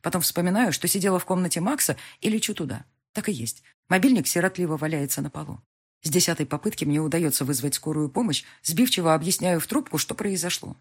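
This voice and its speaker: A woman reading a first-person audiobook in a husky, somewhat breathy voice. She sits fairly low in pitch but moves her intonation around a lot. The storytelling is expressive. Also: fast talker. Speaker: audiobook narrator.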